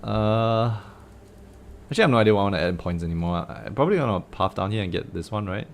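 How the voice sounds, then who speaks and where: This Singaporean man, streaming a game, keeps up animated, joking commentary in Singaporean English, full of swearing and exclamations. He speaks quickly in a lowish voice, and there's slight background noise.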